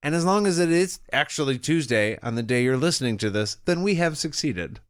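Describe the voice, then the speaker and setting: A young man co-hosting a book podcast, chatting loosely and laughing his way through a listener email. His voice sits a little high, swings widely in pitch and sounds close and dry. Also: a little fast, clear, resonant tone, no echo. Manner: laughing, animated storyteller. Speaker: podcast co-host. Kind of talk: casual chat, reading a listener email.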